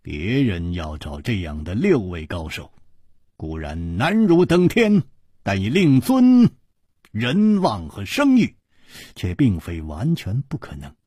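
A man voicing a calm, unflappable male hero swordsman in a storybook tale, speaking softly and slowly. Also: fairly low pitch, slightly rough, no echo, studio quality, voice pushed down, exaggerated voice. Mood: measured. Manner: soft, unhurried and composed.

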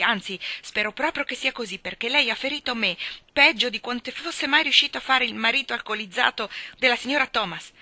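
A woman reading aloud, voicing a fierce red-haired orphan girl who shouts in indignant outbursts. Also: on the low side, husky, no room sound, full character voice.

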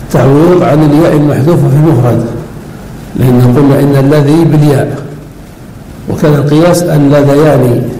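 A man's voice: on the high side, warm tone, slight background noise. A male scholar teaching classical grammar, explaining verse by verse and asking the class questions. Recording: echoey hall with long reverb.

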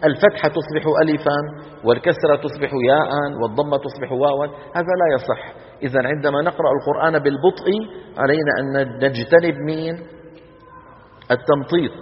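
Man, Quran recitation teacher, lecturing, asks and answers his own questions, echoey hall. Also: fairly high pitch. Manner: asks the class questions and answers them himself. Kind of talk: classroom lecture. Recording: echoey hall, dull lo-fi recording.

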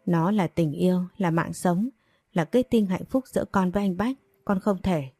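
A frightened young woman begs her parents with tearful remorse in a storybook audio drama, voiced by a woman reader. Low, mellow and dry. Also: normal speed, no echo, faint music behind. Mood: pleading remorse. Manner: pleading, tearful.

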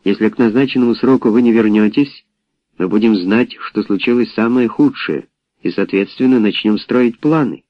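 A man voicing a hot-headed, worried male colonist in an audiobook, raising his pitch when agitated. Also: moderate pace, no echo, lightly acted. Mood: stern. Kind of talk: audiobook character voice. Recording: dull lo-fi audiobook recording.

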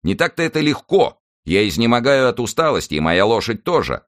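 A man's voice: medium pitch, sing-song, a little fast, voice pushed up, lightly acted. A man reading aloud and voicing a brash young musketeer officer, cocky and defiant.

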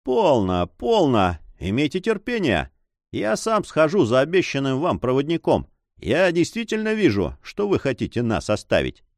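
A man's voice: a little high, huge pitch swings, moderate pace, no echo, voice pushed up. A self-assured adventurer who toys with his listener, as a male reader voices him. His talk rises and falls with playful emphasis. Close, dry storybook reading. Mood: mocking. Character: mocking confident French adventurer, adult male.

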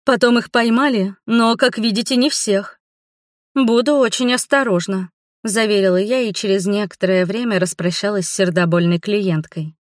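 A woman reading a first-person audiobook with a wry, ironic edge. Her voice is medium in pitch and the recording is dry and close. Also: steady tone, normal speed, dry recording. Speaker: audiobook narrator.

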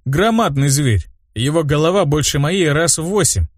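A man narrating a first-person fantasy audiobook in a lively, expressive manner. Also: on the high side, normal speed, no room sound, clean studio sound.

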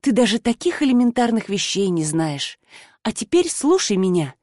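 A woman reading an audiobook voices the narrator's fiery young best friend, emotional and quick to anger. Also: medium pitch, sing-song, darkish tone, no room sound, clean studio sound. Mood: indignant.

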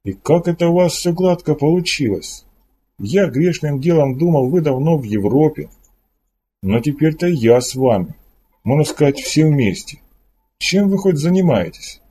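A bewildered freed slave pleads and stammers in a voice pitched up from the reader's own, as a man reads him. The tone is mellow and slightly husky, in the manner of a storybook audiobook. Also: expressive. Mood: curious. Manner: hesitant, halting, incredulous. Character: rescued middle-aged male slave, bewildered and pleading.

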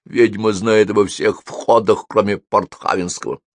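A jittery fire demon living in a hearth, hissing out warnings in a high, urgent voice, as a man reads him out. The voice jumps far above the reader's own, quick to alarm. Close, dry storybook sound. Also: fairly even intonation, no echo.

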